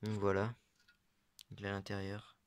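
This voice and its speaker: A man's voice: on the low side, monotone, moderate pace, smooth, no room sound. A young man casually showing his metal-detecting finds, talking hesitantly with many fillers and unsure asides. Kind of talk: casual show-and-tell vlog.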